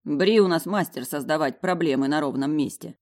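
Low-voiced woman as a snappish young man, sarcastic, curt, audiobook role. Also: normal speed, a little mellow, no room sound, clean studio sound, close to an everyday voice. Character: irritable sharp-tongued young man. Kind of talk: audiobook character voice.

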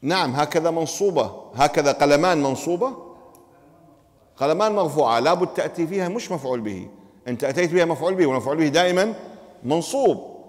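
A male teacher runs a grammar lesson, firing questions at his students with a lively voice that swings up and down. The sound carries a long echo from the classroom around him. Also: on the high side, fast talker.

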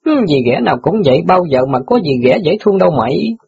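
A brash, teasing street newspaper boy, acted by a man in an audiobook drama. He talks fast with a high, lively, husky and gravelly voice. The recording sounds dull and lo-fi. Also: full character voice.

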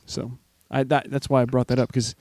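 A man's voice: medium pitch, level tone, brisk, gravelly, a little mellow, no echo. A man interviewing a musician in a friendly, chatty way, asking loose, rambling questions. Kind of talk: casual interview chat.

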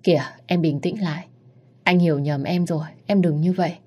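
A woman's voice: on the low side, steady tone, brisk, darkish tone, lightly acted. A woman voicing a young husband who tries to soothe and placate. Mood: placating.

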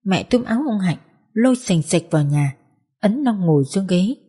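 Woman storyteller, measured dramatic delivery, husky tone. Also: mid-range voice, animated, warm tone. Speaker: audiobook narrator. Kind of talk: scripted narration.

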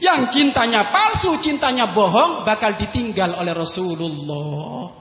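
A male Islamic preacher giving a humorous sermon, joking with his congregation and firing quick questions at them, swinging from loud bursts to low asides. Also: expressive. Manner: jokey, addresses listeners directly with quick questions. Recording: echoey hall, dull lo-fi sound.

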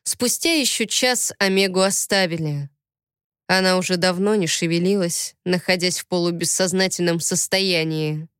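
A woman reading a story aloud as narrator, in a steady, even manner. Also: on the low side, moderate pace, clear, resonant tone, no room sound, clean studio sound. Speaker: audiobook narrator. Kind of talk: scripted narration.

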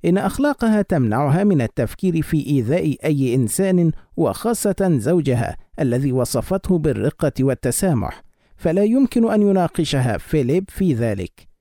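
Give me a male audiobook narrator, mellow, somewhat high, in a dry room. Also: very animated, a little fast, no echo.

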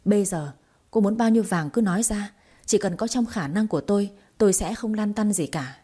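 A woman's voice: medium pitch, brisk, dark tone, husky, natural voice. A woman voicing a middle-aged male district mandarin in a storybook reading, speaking in a deferential, effusive way. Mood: generous.

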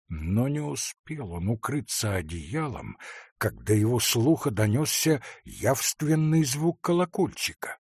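Male audiobook narrator: slow and expressive, husky, dry. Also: mid-range voice, no echo. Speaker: audiobook reader. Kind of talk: scripted narration.

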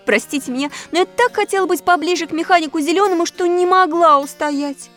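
A woman voicing a shapeshifting girl who poses as a schoolboy, talking in an excitable, defensive, blurting way. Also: very high voice, a little fast, faint music behind, pitched above the performer's own voice. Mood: pleading. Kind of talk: audiobook character voice.

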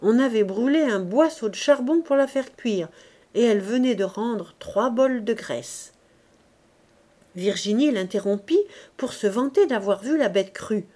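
A woman reading a classic novel aloud as an audiobook, with measured, expressive narration. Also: a little high. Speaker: audiobook reader.

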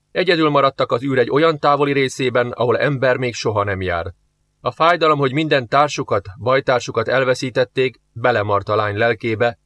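A man's voice: mid-range voice, a bit bright. Man reading a sci-fi audiobook. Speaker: audiobook narrator. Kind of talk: scripted narration.

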